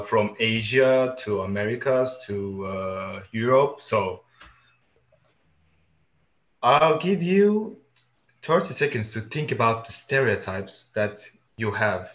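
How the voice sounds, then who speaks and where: A man's voice: lowish voice, expressive, slow pace, fairly bright tone, echoey room. A man hosting an informal group discussion, moderating and greeting participants.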